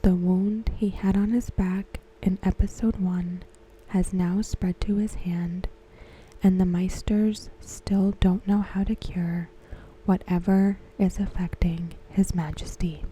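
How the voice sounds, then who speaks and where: This ASMR recap comes from a woman whispering right up against the microphone, reading a scripted episode summary in a slow, careful way. Her voice is mid-range, level, soft and breathy. The recording is low quality, with some background noise.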